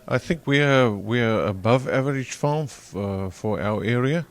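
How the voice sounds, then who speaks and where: A man with a broad South African accent answering interview questions as a farmer, often halting and correcting himself. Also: medium pitch.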